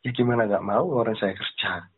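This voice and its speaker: This phone caller speaks fairly quickly in a steady, fairly low, slightly rough voice. Chatting casually over a tinny line, he recounts a story and performs the voices of its characters.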